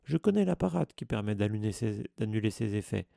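A man's voice: fairly low pitch, big pitch swings, fairly quick, creaky, warm tone, dry recording, clean studio sound, heavily acted. A man voicing a vain, self-important male wizard teacher in an audiobook, eager and pompous. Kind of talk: audiobook character voice.

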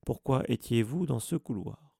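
Un homme qui joue un professeur méprisant, au ton narquois et moqueur. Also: male voice, medium pitch, normal speed, vocal fry, warm tone, breathy edge, no echo, studio quality. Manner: sneering, mocking. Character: cold sneering male teacher.

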